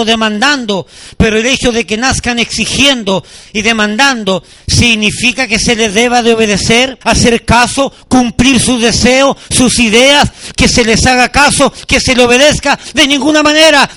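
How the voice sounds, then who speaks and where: A middle-aged man preaching a sermon as pastor, telling lively anecdotes and acting out the people in them. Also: very high voice, moderate pace. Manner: animated storytelling preacher, voices the people in his anecdotes.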